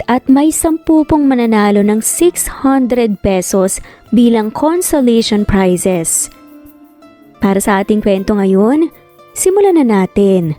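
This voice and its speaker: Woman telling a story, mellow voice, kinda high, soft music behind. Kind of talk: scripted narration.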